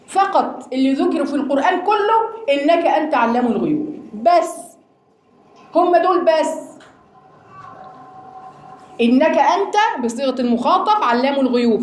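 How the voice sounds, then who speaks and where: Lively Egyptian woman teaching a class. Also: sits high, echoey room, slight background noise. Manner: animated, rhetorical questions to the class. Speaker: Quran teacher. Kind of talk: religious lesson to women.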